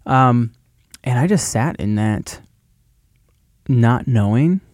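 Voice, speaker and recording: A man's voice: mid-range voice, animated, slow pace, a little mellow, no room sound, clean studio sound. A man hosting a podcast, speaking earnestly in casual chat and laughing easily. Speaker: podcast host.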